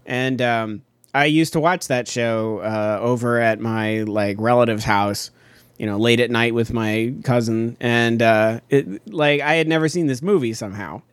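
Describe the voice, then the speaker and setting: A man co-hosting a casual movie podcast, relaxed and laughing often between remarks. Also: mid-range voice, unhurried, clear, resonant tone, dry recording. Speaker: podcast co-host. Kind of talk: casual chat reviewing a movie.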